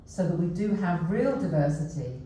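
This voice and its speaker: A woman's voice: on the low side, expressive, moderate pace, mellow, a little hiss or hum. A woman speaking earnestly at a launch event and urging others to act. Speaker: guest speaker. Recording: roomy hall from far off.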